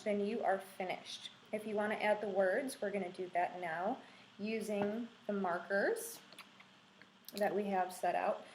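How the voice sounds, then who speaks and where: A woman in her thirties giving calm, unhurried, reassuring instructions as she demonstrates a craft. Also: mid-range voice. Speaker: art instructor leading a craft and meditation tutorial. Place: small room indoors with a window. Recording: echoey room, faint background noise.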